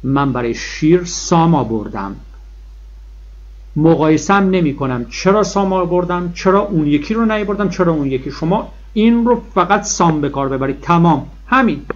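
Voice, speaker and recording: Guy teaching grammar, kinda husky voice, leans on every point and drags out the example words, muffled lo-fi recording. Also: a little high, animated. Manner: emphatic, repeats key points, slow drawn-out example words. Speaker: English teacher. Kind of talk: classroom-style grammar lesson.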